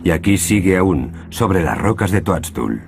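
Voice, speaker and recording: A man's voice: low-pitched, big pitch swings, measured pace, vocal fry, over music. A man reading scripted nature documentary narration.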